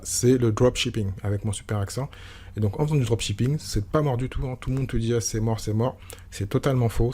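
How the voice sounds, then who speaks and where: A man's voice: fairly low pitch, mellow. A man hosting a solo podcast, talking informally and rambling with many restarts and fillers. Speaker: podcast host.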